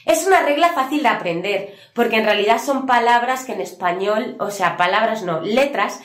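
A woman teaching a video lesson, patiently spelling out letters and slowly repeating examples. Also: on the high side, lively intonation, echoey room. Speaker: English teacher. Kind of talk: video lesson explaining grammar.

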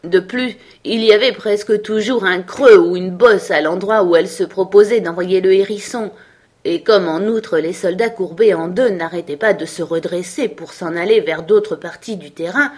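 A woman narrating a children's story in a calm, even reading voice. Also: mid-range voice.

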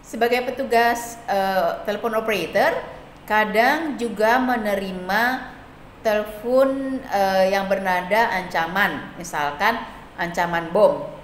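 A woman's voice: medium pitch, takes it slowly. A woman teaching a hospitality lesson, explaining step by step with frequent hesitation fillers and acting out sample phone greetings. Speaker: hospitality instructor. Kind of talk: classroom lecture. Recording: echoey room with faint noise.

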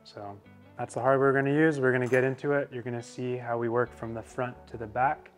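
Young man, casual how-to host, relaxed explainer, garage setting, faint music behind. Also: mid-range voice, brisk. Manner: relaxed, explanatory, many fillers. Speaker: product installer. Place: indoor garage.

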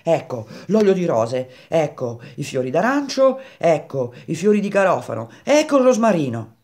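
A man reading a novel aloud, voicing a croaking, insistent young male apprentice in a raised voice. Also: fairly high pitch, moderate pace, pitched above the performer's own voice. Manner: insistent, flat repetition.

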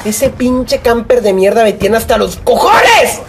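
Profane Mexican man yelling at a shooter game. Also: very high voice, measured pace, a little hiss or hum. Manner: profane, excitable, yells at opponents; rambling jokey asides. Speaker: gaming YouTuber. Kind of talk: live gameplay commentary.

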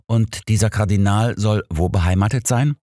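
A man's voice: fairly low pitch, normal speed, warm tone, dry recording, clean studio sound, voice pushed up, lightly acted. A man voicing a stubborn, easily offended older doctor in an audiobook, speaking with indignation. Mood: puzzled. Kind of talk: audiobook character dialogue.

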